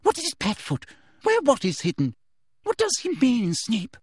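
A man performs a full character voice as a falsely sweet, menacing headmistress whose voice goes shrill and girlish in fury, with wildly swooping pitch, a breathy edge and a moderate pace. The recording is dry and close.

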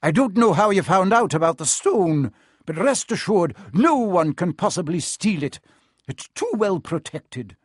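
A man's voice: high voice, very animated, unhurried, slightly rough, no room sound, studio quality, voice pushed up, exaggerated voice. A man voicing a strict older female professor in a storybook reading, clipped, formal and imperious. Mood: firm, curt.

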